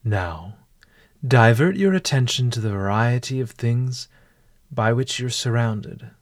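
A man leading a guided walking meditation in a calm, deliberate, measured way. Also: medium pitch.

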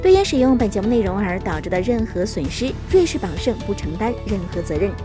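A woman's voice: mid-range voice, quick pace, over music. A woman reading a formal podcast outro and legal disclaimer. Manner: formal, even announcing. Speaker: podcast announcer.

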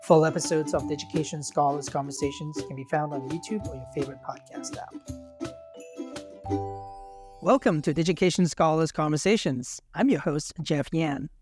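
A man's voice: a little high, moderate pace, darkish tone, soft background music. A man hosting a podcast who reads a scripted intro and then interviews his guest with enthusiasm and frequent fillers. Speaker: podcast host.

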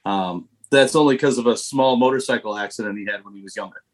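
A man's voice: lowish voice, quick pace. A man being interviewed as a band member, giving dry, matter-of-fact answers.

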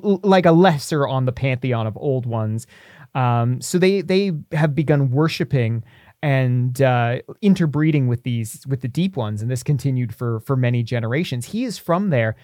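Man, podcast co-host, medium-pitched voice, casual chat, thinking aloud, dry close-mic sound. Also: darkish tone, no room sound. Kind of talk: casual podcast talk, pitching a tabletop game character.

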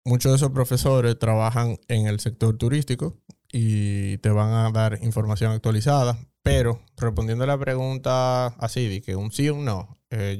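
Young man, Dominican accent, podcast guest, chatty explainer, crisp voice, dry close sound. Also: medium pitch, a little mellow, dry recording. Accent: Dominican Spanish. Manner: chatty, explains at length with restarts. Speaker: podcast guest, hospitality professional. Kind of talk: casual interview talk.

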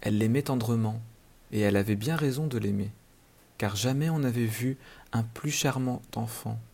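A man reading a classic fairy tale aloud as narrator, calm and measured. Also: medium pitch, creaky. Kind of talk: scripted storybook narration.

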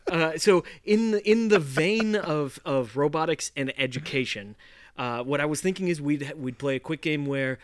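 A man hosting a podcast, joking and running a quick game in a playful patter. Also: a little high, dry recording. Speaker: podcast host. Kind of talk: casual podcast chat.

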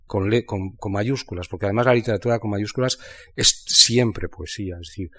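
A man from Spain talking about literature in a reflective conversation, thinking aloud with many pauses and restarts. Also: on the low side, bright, forceful tone. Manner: thoughtful, halting, many restarts and fillers. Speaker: writer in conversation.

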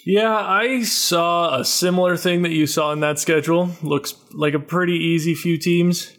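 A man co-hosting a casual hockey podcast, his voice sitting a little high for a man. He talks in animated bursts, laughs often and slips into mocking asides. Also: moderate pace. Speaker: podcast co-host. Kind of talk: casual sports chat.

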